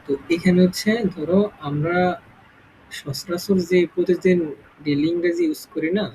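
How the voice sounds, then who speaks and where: উঁচু গলায় ধীরে ধীরে বোঝানো শিক্ষক. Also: male voice, sits high, mellow, slight background noise, low-quality recording. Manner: explains slowly, with many check-ins to the student. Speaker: English teacher. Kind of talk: informal spoken lesson.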